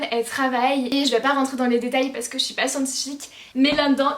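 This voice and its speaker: A teenage woman vlogging to her viewers in a chatty, reassuring way, with frequent hesitations. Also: high voice. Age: teens. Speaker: lifestyle vlogger. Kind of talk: casual talk to camera. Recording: roomy echo.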